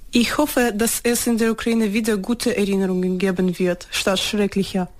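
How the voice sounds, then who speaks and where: A woman interviewer asking her guest questions in a calm, steady way. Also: medium pitch, normal speed.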